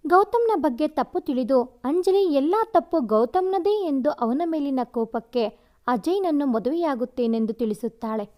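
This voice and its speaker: Female storyteller, high-pitched, narrating a dramatic audio drama. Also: expressive, moderate pace, warm tone.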